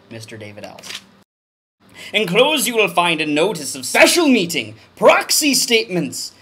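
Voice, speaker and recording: With a high voice, a man gives a mock-dramatic comedic reading of a formal document. He piles on overblown emphasis and mutters deadpan asides.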